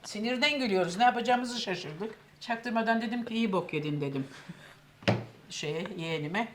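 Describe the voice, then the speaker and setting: Older woman, animated storyteller voicing others, faint background noise. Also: mid-range voice, moderate pace. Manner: lively storyteller, acts out quoted voices. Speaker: cooking show host telling a story. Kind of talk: casual anecdote.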